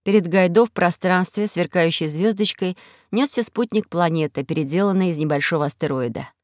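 A woman's voice: lowish voice, a little fast, darkish tone, no echo, studio quality. Woman reading a children's sci-fi book. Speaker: audiobook reader. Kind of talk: scripted narration.

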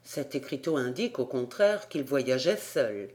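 A woman voicing a composed male captain with a calm, measured delivery. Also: rumbling low, pitched below the performer's own voice.

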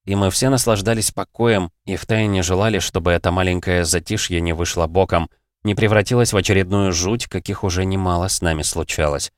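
A man with a low voice reading a first-person story in an even, measured way. The sound is close and dry, with no room echo. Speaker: audiobook reader. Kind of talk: scripted first-person narration.

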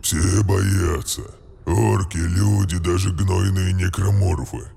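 A man's voice: low-pitched, fairly even intonation, slow pace, warm tone, big-room sound, faint music behind, voice pushed down, heavily acted. A man voicing a brutal old orc chieftain who barks orders in a growling voice. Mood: menacing. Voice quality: gravelly, growling.

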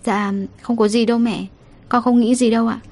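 A woman's voice: fairly high pitch, little pitch movement, brisk, a little mellow. A woman doing a meek young wife. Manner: meek and polite. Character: timid young pregnant wife.

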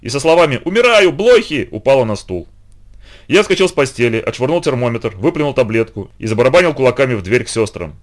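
A man narrating a children's audiobook in an animated storytelling manner. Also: medium pitch, fast talker.

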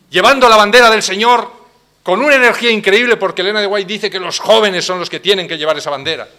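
Impassioned Spanish pastor with a bright voice. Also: male voice, on the high side. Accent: Spain Spanish. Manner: dramatic, swings between hushed and loud. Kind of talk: sermon.

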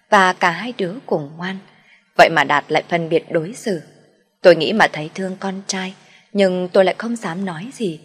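A woman narrating a family story in the first person, in a soft, mournful storytelling manner. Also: on the low side, slightly rough.

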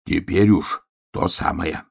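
A man's voice: sits low, fairly even intonation, slow pace, creaky, slightly rough, exaggerated voice. A man doing a blunt bossy bear cub. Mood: grumbling. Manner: blunt, brusque, mumbling. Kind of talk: audiobook character voice.

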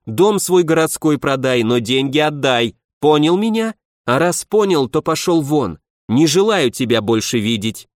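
A man's voice: fairly high pitch, animated, measured pace, no echo, studio quality. A man narrating a story and voicing a stern young princess who holds court, speaking in a curt, commanding way.

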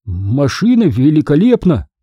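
A man voicing a quiet, nervous teenage boy in an audiobook, speaking in a subdued way. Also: on the high side, huge pitch swings, unhurried, husky, no echo, lo-fi sound, heavily acted. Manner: subdued, tense.

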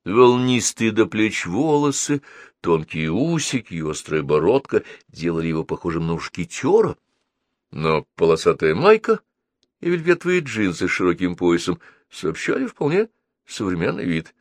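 Low-voiced, animated male narrator. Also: moderate pace, dry recording. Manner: expressive, animated reading. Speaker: audiobook narrator. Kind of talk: scripted narration.

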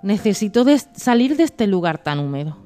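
A woman voicing Death as a calm, gentle female figure in a storybook reading. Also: medium pitch, soft background music, close to an everyday voice. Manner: calm, unhurried.

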